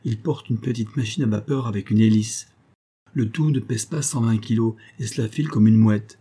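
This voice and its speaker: A man reading the part of a weathered older boatman and former convict, low-voiced, humble and eager to serve. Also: moderate pace, dark tone, breathy edge. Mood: earnest.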